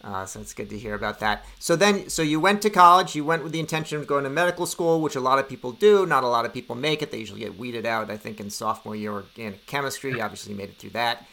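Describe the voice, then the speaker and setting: A man's voice: mid-range voice, fast, gravelly, few pauses, bright, forceful tone. A man hosting a health business podcast, introducing the episode and interviewing a guest in a conversational way. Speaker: podcast host.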